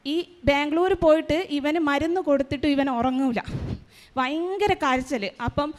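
At a shrine service, a mother with a high voice gives an earnest personal testimony. She tells her story haltingly, breaking off and restarting sentences, while the long echo of a large church hall rings around her.

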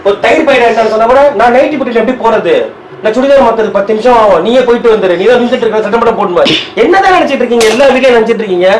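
A man's voice: very high-pitched, rapid-fire, echoey room, a little hiss or hum, low-quality recording. A man needling his wife in a domestic prank skit, teasing and argumentative. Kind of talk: bickering couple prank. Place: home kitchen.

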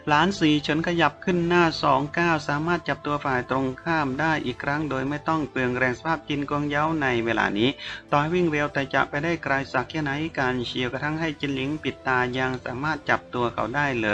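A man narrating a fantasy novel in a steady, dramatic reading. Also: a little high, quick pace. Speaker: audiobook narrator. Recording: dull lo-fi with faint music.

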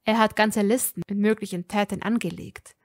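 A woman reading a fan audiobook, voicing a calm young wizard man who works as a lawyer, speaking low and measured. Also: natural voice. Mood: hushed.

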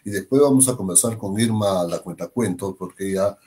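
Low-voiced male interview host. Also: fairly quick, warm tone. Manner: affirming, reflective, prompts with questions. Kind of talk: casual interview.

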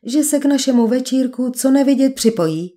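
A cool young detective in an audiobook, as a woman narrator voices him. He trades dry quips with his captor and never loses his calm. The tone is mellow and dark. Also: high-pitched. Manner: dry, unflappable banter. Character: cool, wry young male captive detective. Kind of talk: audiobook character voice.

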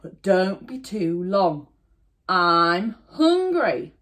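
A woman's voice: fairly low pitch, big pitch swings, extremely slow, fairly bright tone, heavily acted. A woman voicing a hungry, impatient tiger in a children's story. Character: hungry, grumbling tiger from a folk tale.

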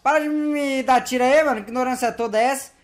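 A man giving casual gameplay commentary, slangy and playful, talking to the game's characters and getting excitable in the action. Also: very high-pitched, quick pace. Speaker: gameplay youtuber.

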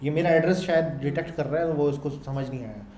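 A man, lecturing a class loudly in a conversational way and often checking in with the students. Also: fairly high pitch, quick pace. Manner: loud, conversational teaching with frequent check-ins to the class. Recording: echoey room with faint background noise.

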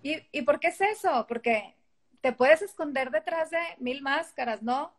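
A middle-aged woman with a Mexican Spanish accent is a guest in a casual interview, talking animatedly and acting out quoted dialogue. Her voice sits high, with lively intonation and a slightly slow pace.

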